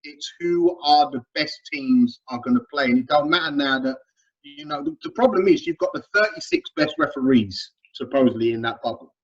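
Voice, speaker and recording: A man's voice: medium pitch, normal speed, slightly rough. A man chatting casually about basketball on a podcast, repeating words as he goes. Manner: stumbling, repeats words, animated. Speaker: podcast panelist. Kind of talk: casual sports chat. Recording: dull lo-fi sound.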